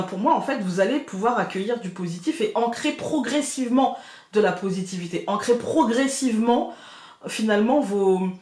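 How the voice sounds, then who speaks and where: Woman, tarot reader, reflective, gently reassuring, talks straight to viewers, echoey room. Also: mid-range voice. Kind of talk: casual daily tarot reading to camera. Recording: roomy echo.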